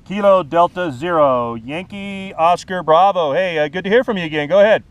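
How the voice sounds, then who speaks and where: Heard through a muffled action-camera recording with background noise, a high-pitched man speaks at normal speed. He's an amateur radio operator hosting a vlog outdoors on a snowy summit, making ham radio calls in a laid-back, slangy, casual style.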